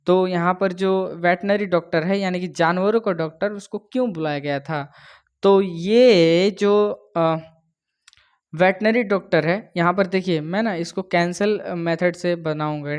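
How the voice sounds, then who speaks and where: A man's voice: sits high, smooth. A male teacher walking students through exam questions, mixing Hindi and English and checking in after nearly every line. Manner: chatty, keeps checking "ठीक है", "है ना". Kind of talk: exam-prep lesson in Hindi-English mix.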